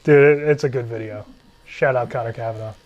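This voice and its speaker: A man's voice: medium pitch, a little fast, muffled recording, a crowd in the background. A man chatting on a podcast who laughs often and retells funny videos, doing the voices of the people in them. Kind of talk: casual podcast chat.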